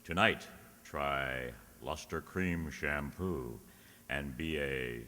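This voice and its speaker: Deep, measured male radio announcer. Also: sharp tone. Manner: emphatic, salesmanlike. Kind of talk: old-time radio announcing and commercial read. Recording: reverberant hall, clear background noise.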